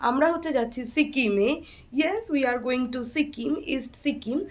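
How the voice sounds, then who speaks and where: A woman's voice: sits high, normal speed. A young woman with a Bengali accent, chatting directly to her viewers in a casual travel vlog. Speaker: travel vlogger.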